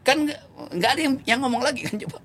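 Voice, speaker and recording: A man speaking as a political commentator in an interview is sarcastic and mocking, laughing mid-sentence and correcting himself as he hunts for words, repeating some as he searches. His very high voice is fast and a bit bright, with lively intonation and slight background noise.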